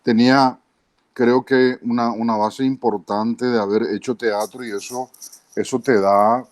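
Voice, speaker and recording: A man in his fifties with a Paraguayan Spanish accent, a trained broadcaster telling his career story as an interview guest, with clear diction and a measured way of talking. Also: medium pitch, steady tone, dry recording. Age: 50s. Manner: measured, tags lines with a questioning aside.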